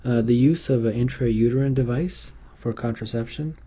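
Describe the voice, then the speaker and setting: A man's mellow, husky voice at medium pitch and normal speed guides listeners through slides in a medical exam tutorial. It's an unscripted instructional lecture, marked by hesitation, fillers, and restarts.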